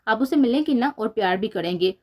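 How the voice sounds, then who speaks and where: A woman's voice: on the high side, expressive, darkish tone. A woman reading as a pleading young son. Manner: apologetic, coaxing. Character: young adult male son, police officer, pleading.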